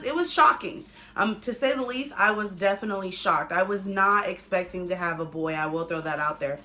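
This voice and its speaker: Young female mom vlogger, mid-pitched, casual and conversational update to viewers, restating points for emphasis. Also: sharp tone. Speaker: family vlogger, pregnant mother.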